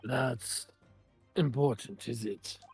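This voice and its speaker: Gruff scottish prison warder guy, a man doing the voice, slow clipped talk, a bit husky, game dub read. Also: medium pitch, a little mellow, soft background music, heavily acted. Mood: gruff, guarded. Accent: put-on Scottish. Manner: slow, clipped dialect phrasing. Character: gruff male chief prison warder, guarded.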